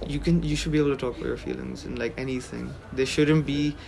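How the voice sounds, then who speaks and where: A man's voice: mid-range voice, steady tone, quick pace, vocal fry, a little mellow. A young man from Pakistan, interviewed in casual conversation, talking hesitantly with many fillers and restarts. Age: young adult.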